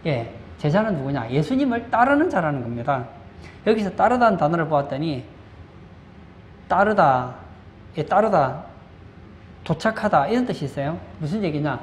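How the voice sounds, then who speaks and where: A man's voice: fairly high pitch, very animated, moderate pace, pauses often. A male pastor delivers a sermon in a church sanctuary, asking the congregation rhetorical questions and answering them himself. He leans on repeated phrases for emphasis. The room echoes noticeably, with a faint hum of background noise.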